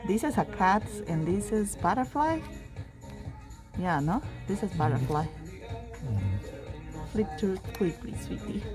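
A woman's voice: medium pitch, sing-song, slow, pauses often, over music. A woman vlogging while shopping in a craft store, chatty and full of delighted exclamations, speaking into a handheld phone. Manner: chatty, non-native English, frequent delighted exclamations. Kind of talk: casual shopping vlog. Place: large craft store aisle, indoors. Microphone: handheld phone camera.

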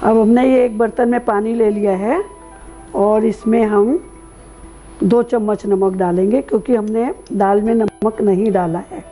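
Mellow-voiced woman teaching a recipe. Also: mid-range voice, soft background music, low-quality recording. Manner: calm, explains each step slowly. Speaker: cooking show host. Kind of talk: step-by-step cooking instruction.

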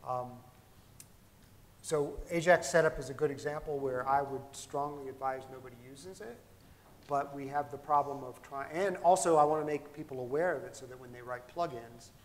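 A man's voice: medium pitch, normal speed. A middle-aged man giving a conversational keynote on a conference stage and taking audience questions, with frequent ums and restarts. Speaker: keynote speaker. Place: large conference hall stage. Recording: long hall reverb, faint noise.

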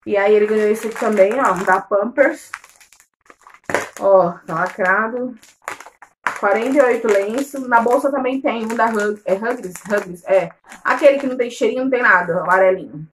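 A woman's voice: mid-range voice, moderate pace, slight background noise. A pregnant young woman vlogging in a casual, affectionate, chatty way, often calling her viewers loves. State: late pregnancy. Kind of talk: casual chat.

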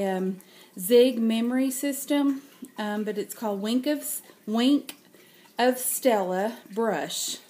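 This craft vlogger, nasal from a cold, talks casually at a home table while presenting handmade cards, pausing often with ums. Her voice is mid-range and mellow.

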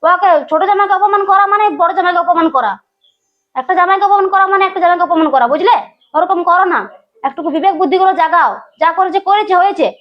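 A woman's voice: very high-pitched, fast. A woman with a Manbhum Bengali accent playing an outspoken elder daughter who firmly lectures her mother. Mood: scolding. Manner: firm, scolding, lecturing. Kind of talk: amateur village comedy drama. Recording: dull lo-fi sound.

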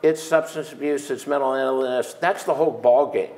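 A man in his sixties sits in an armchair onstage in a big room, a panel guest in a keynote conversation at a conference. He speaks into a lapel mic emphatically, restarting often, in a mid-range, slightly mellow voice at a moderate pace, with an echo in the room.

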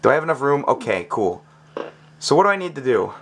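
Lively, cursing gamer man. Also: medium pitch, fast talker. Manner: frustrated, swearing, talking to himself. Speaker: gaming channel host. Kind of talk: let's play commentary.

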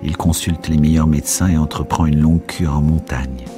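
Man reading a classic novel on the radio, deep low voice, measured and expressive, faint music under it. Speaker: reader.

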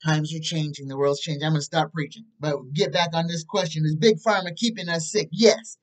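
A woman's voice: sits low, steady tone, brisk, recorded from a distance, poor audio. A woman in her fifties, a tarot reader, talking casually to her webcam at home and driving points home with repeated checks. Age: 50s. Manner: emphatic, repeats points with "okay?". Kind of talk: casual talk to camera. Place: small room at home, indoors. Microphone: webcam at desk distance.

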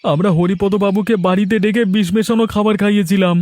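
A man voicing a cowardly scheming village husband in a cartoon, with a squeaky, whining delivery. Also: fairly even intonation, fast talker, darkish tone, no echo, close to an everyday voice. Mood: pleading. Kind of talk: Bengali cartoon voice acting.

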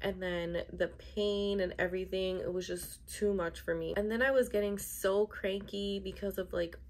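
A woman's voice: medium pitch, fairly even intonation, normal speed. Young woman vlogging, emphatic and casual. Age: young adult. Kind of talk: casual chatty vlog to camera. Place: bedroom, indoors.

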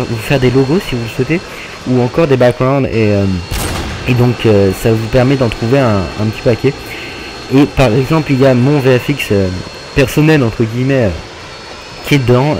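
A man casually commenting on his own gameplay, hesitant with many filler pauses and a laid-back, jokey manner. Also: mid-range voice. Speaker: gaming channel host. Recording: game gunfire noise underneath. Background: video game gunfire.

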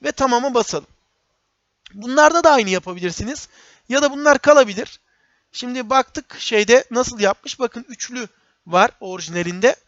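A male instructor explains a software task one step at a time, often saying a phrase twice as he works. His voice is recorded dry, with no room sound. The audio is muffled and lo-fi, like a basic home setup. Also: very high-pitched, moderate pace, no echo. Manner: step-by-step, repeats phrases, addresses viewers as friends. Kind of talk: screen-recorded software tutorial.

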